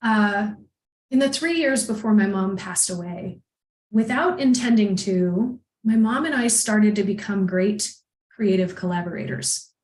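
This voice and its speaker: A woman coach as a podcast guest, telling personal stories in a chatty, animated way and laughing often. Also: medium pitch, unhurried. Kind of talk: casual conversation, personal storytelling. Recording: echoey room.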